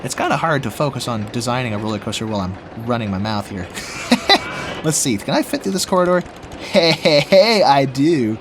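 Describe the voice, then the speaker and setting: Still slightly raspy and rough after being sick, this young Washington State YouTuber chats his way through building a theme park game, rambling, laughing a lot, and muttering to himself. His mid-range voice is animated at a normal speed, with background noise present.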